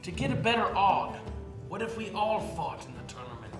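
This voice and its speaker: A man's voice: high-pitched, sing-song, a little fast. A man playing a wary, blunt brawler knight in an improvised medieval role-play, talking in short phrases. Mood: agreeable. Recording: echoey room, music over the talk.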